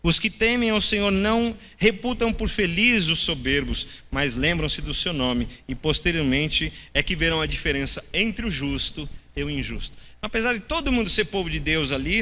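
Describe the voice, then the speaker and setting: A man's voice: on the high side, animated, normal speed, pushed and bright, slight background noise. A Brazilian man teaching a church Bible class, addressing the listeners as brothers and acting out the people's questions in a mocking tone. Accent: Brazilian Portuguese. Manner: talks straight to the class as brothers. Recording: long hall reverb.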